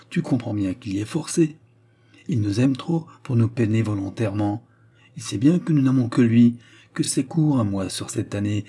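A man reading aloud and voicing a gruff older forester father, who reasons in a halting, rambling way. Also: medium pitch, dark tone. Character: gruff old forester father, awkward and pleading.

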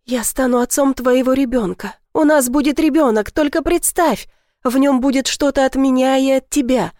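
A woman voicing a tender, adoring young boyfriend in a read-aloud story, speaking softly and slowly to reassure. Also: high-pitched, no room sound, studio quality, pitched above the performer's own voice, close to an everyday voice. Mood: overjoyed.

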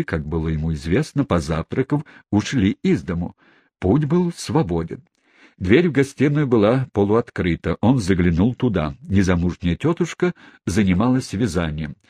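A man narrating an audiobook in a measured, even storytelling manner. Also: on the low side, breathy edge, no echo, clean studio sound. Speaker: audiobook reader.

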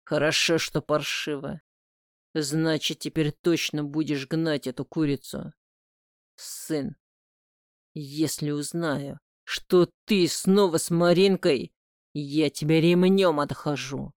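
Reader playing a scolding village dad, loud, slow and blunt, close dry sound. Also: medium pitch, steady tone, no echo. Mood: stern. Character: stern rural father, older man, quick to anger. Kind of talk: audiobook character voice.

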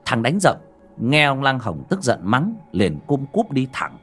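A man's voice: mid-range voice, very animated, unhurried, fairly bright tone, breathy edge, faint music behind. A man narrating a horror story in a dramatic storytelling manner.

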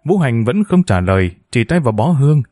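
A man narrating a novel as an audiobook in a steady, measured storytelling voice. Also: mid-range voice, no echo, studio quality, soft background music.

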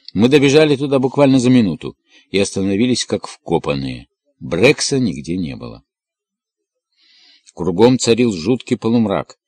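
A male audiobook reader with a lowish voice tells the story in a steady, measured way. The recording is close and dry, without room sound. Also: slightly rough, no room sound. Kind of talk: scripted novel narration.

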